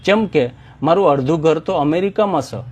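A man voicing a fifty-something village man everyone calls mad, blunt and philosophical, speaking in a rural Mehsani Gujarati accent with slow, deliberate lines. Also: on the high side, lively intonation, darkish tone, husky. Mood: wistful. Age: 50s. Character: mad-called village man in his fifties, calm and philosophical.

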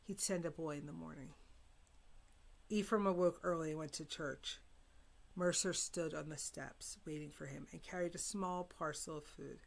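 Woman reading a novel aloud, gravelly. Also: deep voice, moderate pace. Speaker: reader.

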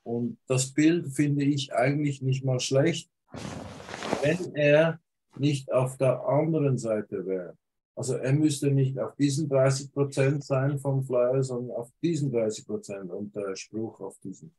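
A Swiss photographer with a cold gives blunt feedback on flyer photos during a casual video call, hesitating with fillers. His medium-pitched voice is dark, husky and unhurried, and the audio quality is poor.

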